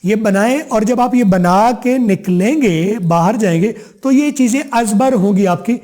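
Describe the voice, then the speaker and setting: A high-pitched man with a mellow, soft-edged tone gives an English lesson. He stretches each example phrase out slowly, then hurries through the explanations around it. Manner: slow drawn-out repeated example phrases between brisk explanation. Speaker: English teacher.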